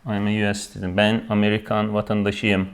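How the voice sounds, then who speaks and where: This man's voice is on the low side, smooth and monotone, as he teaches beginner English grammar. A native Turkish speaker, he moves slowly between English and Turkish, repeats every word, and checks "right?" after each point.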